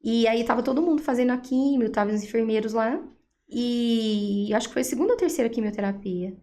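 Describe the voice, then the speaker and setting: A woman with a Brazilian Portuguese accent, a guest giving a personal faith testimony, telling her story in a lively way and acting out the dialogue she quotes. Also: fairly high pitch, fairly quick. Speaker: interview guest.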